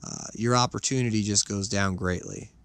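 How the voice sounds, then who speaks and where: A man with a Californian accent hosting a fishing channel, giving casual tips in a relaxed, rambling way with many fillers and restarts. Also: lowish voice, normal speed, no room sound. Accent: Californian English.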